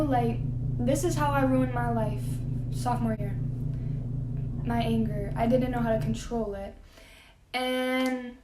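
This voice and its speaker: A woman's voice: a little high, noisy background. Chatty teen girl in an echoey room. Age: teens. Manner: frank, chatty, laughs often, trails into soft asides. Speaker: vlogger. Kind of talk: casual vlog monologue.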